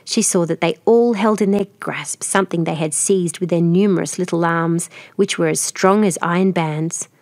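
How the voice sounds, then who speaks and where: A woman telling a fairy tale as steady, measured storybook narration for children. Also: lowish voice, no room sound.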